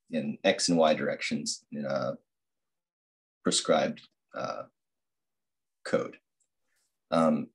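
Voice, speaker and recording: A young master's student gives an academic slide presentation over a screen-recorded video call, halting with many fillers and restarts. He has a bass voice with a darkish tone.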